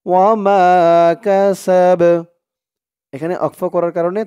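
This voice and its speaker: A man teaching Quran recitation word by word, explaining each letter with slow, careful speech and chanting verses in long, drawn-out tones. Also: a little high, darkish tone, no echo. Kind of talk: word-by-word Quran spelling lesson.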